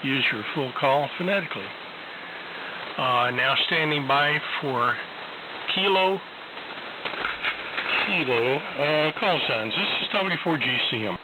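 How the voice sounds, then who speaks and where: A man running an amateur radio net over the air, relaxed and folksy, with heavy static on the transmission. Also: medium pitch, slow, pauses often, phone-quality sound. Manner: relaxed, folksy, with frequent uhs. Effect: radio transmission under heavy static. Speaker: ham radio net control operator. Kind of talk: radio net check-ins. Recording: loud radio static hiss.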